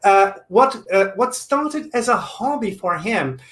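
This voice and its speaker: A man's voice: sits high, animated, takes it slowly, a bit bright. A man with a Brazilian Portuguese accent hosting a live online interview, friendly and chatty with many "uh" fillers. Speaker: host, English teacher.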